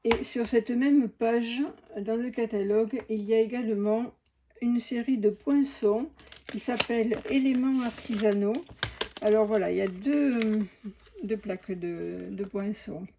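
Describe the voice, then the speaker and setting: A woman chatting through an unboxing of craft supplies, slow and hesitant with many fillers and restarts. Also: a little high, fairly even intonation, warm tone. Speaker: crafting vlogger. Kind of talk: casual unboxing commentary.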